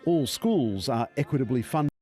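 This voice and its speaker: A man narrating a documentary in a measured, scripted delivery. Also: medium pitch, expressive, mellow, breathy edge, soft background music.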